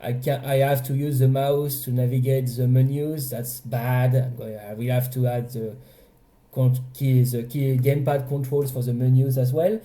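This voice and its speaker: A man's voice: mid-range voice, level tone, normal speed, mellow. A young man with a French accent, casually walking through his game's progress, hesitant and often correcting himself. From France. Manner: hesitant, self-correcting, chatty. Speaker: indie game developer. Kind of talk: casual devlog walkthrough.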